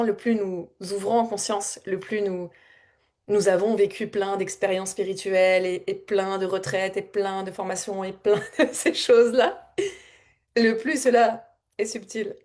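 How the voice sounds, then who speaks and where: Woman, spiritual coach, mid-pitched, rambling and heartfelt, lots of restarts and little laughs. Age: adult with a child. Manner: meandering, warm-hearted and emotional, often laughing and repeating words. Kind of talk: casual spontaneous reflective talk.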